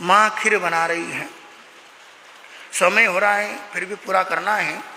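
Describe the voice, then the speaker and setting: A man's voice: sits high, steady tone, takes it slowly, sharp tone, a little hiss or hum. A male preacher telling a devotional sermon story in a dramatic, emotive way, in a large hall. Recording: echoey hall with long reverb.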